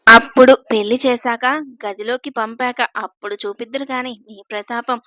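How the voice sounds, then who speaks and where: A woman's voice: a little high, steady tone, moderate pace, pushed and bright, no echo. Cheerful cheeky younger sister, bantering, read by a woman narrator; dry close sound. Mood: playful. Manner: laughing, bantering.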